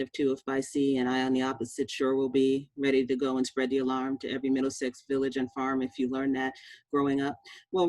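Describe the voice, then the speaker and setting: A woman's voice: very deep voice, darkish tone, no room sound. Dry-voiced woman physician giving a lecture. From Boston, USA. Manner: conversational, checks in with "all right?" and "okay?". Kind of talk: presentation lecture.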